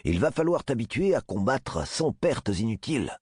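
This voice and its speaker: A man voicing a stern male military mentor who lectures in measured tones in an audiobook. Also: medium pitch, big pitch swings, darkish tone, slightly rough, dry recording, clean studio sound, pitched above the performer's own voice. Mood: scolding.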